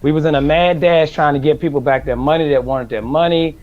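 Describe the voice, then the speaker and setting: A man speaking emphatically as co-host of a casual radio show. His voice sits a little higher than most men's. The audio sounds slightly dull and muffled. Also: fairly even intonation, fairly quick. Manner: emphatic, repeats himself.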